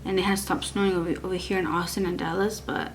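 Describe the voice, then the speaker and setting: A woman's voice: fairly low pitch, little pitch movement, fast, a little hiss or hum. A young woman from Texas, chatting casually through a makeup review and rambling with lots of likes and restarts. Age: young adult. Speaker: beauty vlogger.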